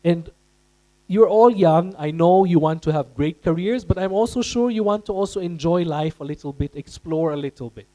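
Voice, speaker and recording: Man, from Austria, career event presenter, slightly high voice, warm mellow tone, engaging. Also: normal speed, poor audio. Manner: engaging, addresses the audience directly with questions. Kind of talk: informational presentation to students.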